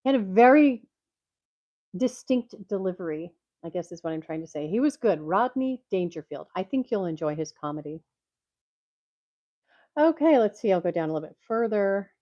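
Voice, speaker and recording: An older woman reading jokes on her vlog chats at home in a rambling way, laughing often, her mid-range voice lively in intonation at a moderate pace. Captured by a microphone clipped to her glasses, the dry, dull lo-fi audio has no room sound and makes her sound congested and tinny like a tin can.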